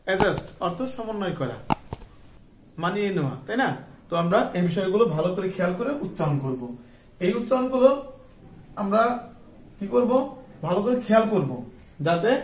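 A man's voice: high-pitched, expressive, brisk, long pauses, darkish tone, roomy sound, recorded from a distance, a little hiss or hum, low-quality recording. A man giving an English lesson as a tutor, asking his class questions, answering them himself, and spelling words out letter by letter. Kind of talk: spoken lesson.

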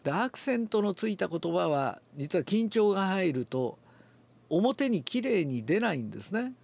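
An older man, relaxed and musing aloud, explains a classical Japanese text before reading it aloud and demonstrates with his voice. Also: sits high, normal speed, creaky, husky. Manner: relaxed, talks to himself, demonstrates accents aloud. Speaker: reading teacher.

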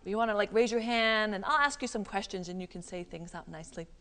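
A woman leading a live children's yoga class in a library, coaxing and animated, with Spanish words sprinkled in. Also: mid-range voice, fast, in a large hall. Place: public library room, live audience.

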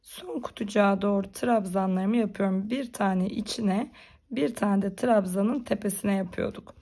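A woman with a hoarse, gravelly, cracking voice, giving informal step-by-step craft instructions as a tutorial host. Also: mid-range voice, moderate pace, warm tone. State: hoarse, strained voice from being unwell.

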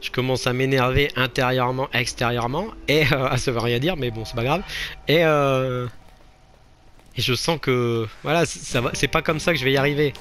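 With a steady, fairly bright medium-pitched voice at normal speed, a man gives laid-back let's play commentary. He's self-mocking, greeting each failure with exclamations and laughter.

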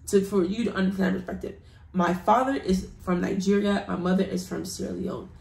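A woman's voice: medium pitch, steady tone, fairly quick, gravelly, a little mellow. Earnest woman giving testimony, roomy sound. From United Kingdom. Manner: earnest, preaching emphasis. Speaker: testimony guest. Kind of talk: personal testimony. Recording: roomy echo.

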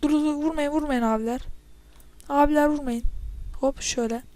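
A woman with a high voice commentates her own gameplay at normal speed into a spare headset mic. This casual let's-play is excitable, and she bursts into loud yells at setbacks.

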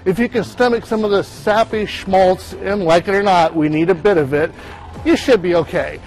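A man with a fairly high voice gives a chatty, wry movie review in a TV studio. He talks as the station's film critic, easy and conversational. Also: normal speed, darkish tone, low-quality recording. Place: TV news studio.

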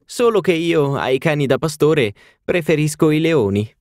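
A witty, teasing society hostess, as a man reading an audiobook puts her on. Her voice is raised and lively, bouncing with mischief. The sound is close and dry. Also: moderate pace, no room sound, natural voice. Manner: bright, teasing, raised pitch.

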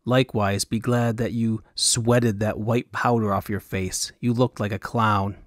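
A blunt, impatient male mercenary, as a narrator plays him, speaks low and curt. The voice stays near the reader's own, recorded dry and close. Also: fairly even intonation, unhurried, dry recording, natural voice.

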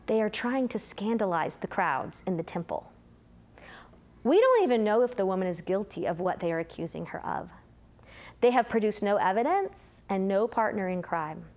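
A middle-aged woman delivers a sermon from behind a table in a small, dark studio. Her delivery is measured and earnest, steady at an ordinary pitch for a woman. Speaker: preacher.

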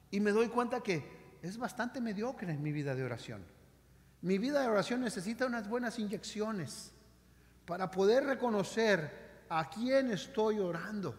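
A male pastor preaches with dramatic swings between loud emphasis and hushed lines. His voice sits high, and the sermon echoes with a long reverb through the church hall. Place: church sanctuary.

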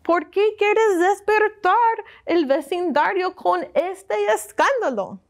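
Woman playing an annoyed storybook sister, high squeaky voice, slow. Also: animated, full character voice. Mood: indignant. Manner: indignant questioning. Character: grown daughter Blanca, annoyed by noise.

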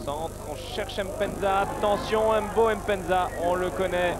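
A man giving excited football commentary as a match commentator, his voice surging with the play. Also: high-pitched, slow, over loud music. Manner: voice surges on chances and goals.

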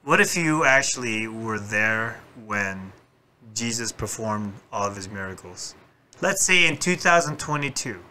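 A man with a light Filipino accent and a bright, forward tone talks animatedly on a casual podcast, throwing out questions to his co-hosts. A faint hiss sits under his voice. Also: on the low side, animated, measured pace. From Philippines. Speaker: podcast co-host.

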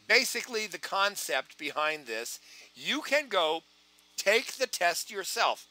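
Male trainer on a live online call; high, animated, acts out examples. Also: no echo, poor audio. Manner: animated, acts out phone calls. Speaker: sales trainer.

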